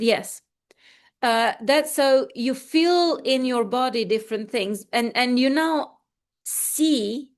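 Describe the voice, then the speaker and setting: Slow, gentle woman coach. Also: fairly high pitch. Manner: gentle, repetitive affirmations; calm coaching tone with breathing cues. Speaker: transformation coach hosting a live online session. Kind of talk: guided affirmations and reading out chat responses.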